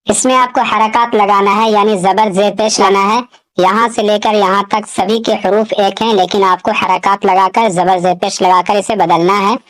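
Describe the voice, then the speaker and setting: A woman teaching a beginners' reading lesson, explaining step by step and sounding out each syllable slowly. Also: medium pitch.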